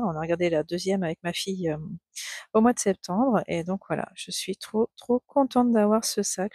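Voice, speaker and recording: A middle-aged woman chatting in a casual knitting vlog, gushing and excitable, repeating words and laughing often. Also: mid-range voice, no echo, studio quality. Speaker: knitting vlogger.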